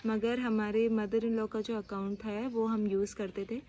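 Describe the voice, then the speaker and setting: A woman's voice: fairly high pitch, level tone, a little slow, dark tone. A young woman from India vlogging in a casual, confiding way, mixing in English phrases as she talks. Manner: chatty, mixes Hindi with English phrases.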